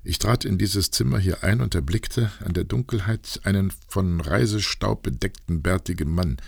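A troubled aristocratic count, read by a man with a very low, gravelly voice. He tells his story in a grave, confessional manner. The dry recording has no room echo. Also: moderate pace, heavily acted. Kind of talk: audiobook reading.

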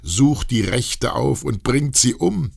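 A fanatical shoemaker accuses a girl before the crowd, as a male narrator does his voice. The voice is raised and harsh with gravelly grit, hurled like a challenge. The pace is drawn out and heavy. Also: mid-range voice, lively intonation, slow pace, pitched above the performer's own voice, full character voice. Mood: vicious. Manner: accusing, shouting.

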